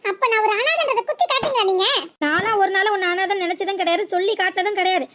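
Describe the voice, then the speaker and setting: Pitched extremely high, rapid-fire, and pushed bright, this cartoon performance voices a blunt village husband who is fed up. He lectures and scolds in a southern Tamil Nadu accent.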